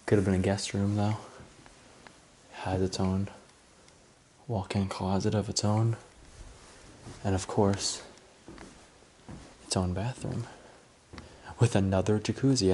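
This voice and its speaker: A man casually narrating as he walks through an empty house, musing in relaxed, low-key asides. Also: slow, long pauses, a little hiss or hum. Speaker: urban explorer filming a tour. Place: indoors in a large empty house.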